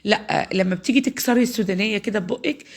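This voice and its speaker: A cold has changed the voice of this Egyptian woman, who races along at medium pitch while presenting a home cooking tutorial. Chatty and thorough, she leads viewers through the steps from her kitchen at home.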